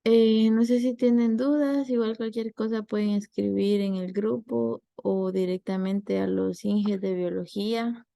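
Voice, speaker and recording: Young female tutor, unhurried and patient, gravelly tone, dry sound. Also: medium pitch, steady tone, mellow, no echo. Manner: patient, explains step by step with examples. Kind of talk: online tutoring class.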